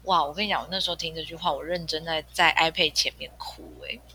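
A woman with a Taiwanese Mandarin accent, co-hosting a casual podcast chat and reacting with quick sympathy. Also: low voice, steady tone, bright, forceful tone. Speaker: podcast co-host. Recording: faint background noise.

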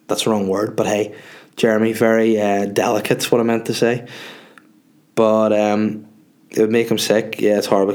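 Listener questions get blunt, rambling answers from a podcast host nursing a sniffly head cold. His voice is fairly low and darkish, and he chats casually on his own, swearing along the way.

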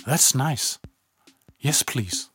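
A man voicing a shy, hesitant young woman in a story reading, lifting his voice higher. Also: animated, extremely slow, a bit bright, a little hiss or hum. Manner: hesitant, breathy.

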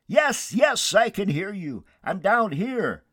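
A man voicing a terrified man hanging from a cliff branch, yelling and pleading frantically. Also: sits high, wildly swooping pitch, slow, husky, no room sound, clean studio sound, voice pushed up, full character voice. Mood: frantic pleading.

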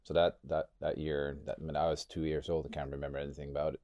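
Reflecting on his personal experience as an interview guest, a Norwegian-accented man from Norway speaks hesitantly, repeating words as he searches for how to say things. His very deep, mellow voice stays level at a quick pace, in a dry, studio-quality recording.

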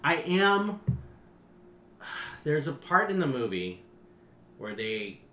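A man's voice: fairly high pitch, very animated, drawn-out words, sharp tone, roomy sound, slight background noise. A man co-hosting a podcast in casual chat, laughing often and hesitating with fillers. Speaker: podcast co-host.

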